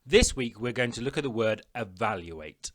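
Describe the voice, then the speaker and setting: A man delivering a recorded classroom lesson in a clear, instructive way. His pitch moves a lot, rising and falling as he talks pupils through each step. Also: lively intonation, moderate pace. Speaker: teacher.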